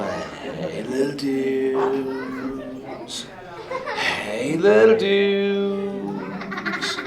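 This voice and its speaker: A mellow surfer-dude sea turtle who drawls slang and teases the crowd, his voice swooping up and down all the time. He is heard in an echoey theater over a loud, noisy audience. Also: medium pitch. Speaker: live show character talking with audience. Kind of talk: improvised live audience interaction. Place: indoor theater with live audience.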